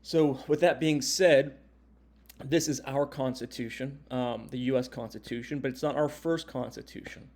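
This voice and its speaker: A man's voice: mid-range voice, darkish tone. An American man speaking as a history and government teacher in an informal recorded lecture, explaining step by step and checking in with short tag questions. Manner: explanatory, punctuates points with check-in tags like "right?" and "okay?".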